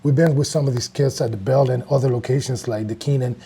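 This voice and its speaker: A man's voice: mid-range voice, steady tone, quick pace, dark tone. A man in his fifties from Puerto Rico, an artist and studio co-owner talking casually in an interview, hesitant with many fillers.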